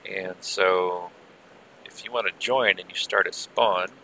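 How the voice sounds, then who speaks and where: Low-pitched gravelly man, low-quality stream audio. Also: steady tone, measured pace, bright, forceful tone, a little hiss or hum. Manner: rambling, easygoing, with muttered asides. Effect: low-quality stream audio from an old headset. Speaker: game server streamer. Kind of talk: casual live gameplay commentary. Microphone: old headset.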